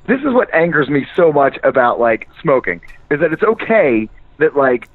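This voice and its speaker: A man's voice: fairly high pitch, sing-song, normal speed, phone-quality sound, slight background noise. A man of forty, a podcast guest and author, talking casually and ranting with lots of swearing. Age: 40s. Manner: profane, ranting, laughs mid-sentence.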